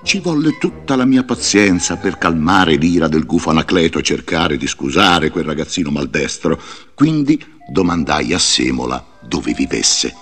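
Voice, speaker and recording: An actor playing a wise, patient old wizard who narrates a read-along storybook in a lively, theatrical way. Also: male voice, a bass voice, moderate pace, faint music behind, heavily acted. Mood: storytelling.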